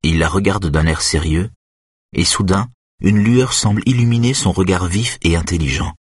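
A man narrating an audiobook in a steady, even reading. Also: sits low, moderate pace, breathy edge, no room sound, clean studio sound.

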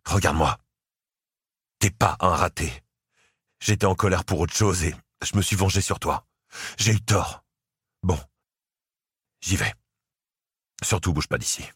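A man's voice: measured pace, pauses often, a bit bright, husky, dry recording, clean studio sound, heavily acted. A man voicing a stern, weary older brother. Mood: firm. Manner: firm, controlled, low and tired. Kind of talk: audiobook character voice.

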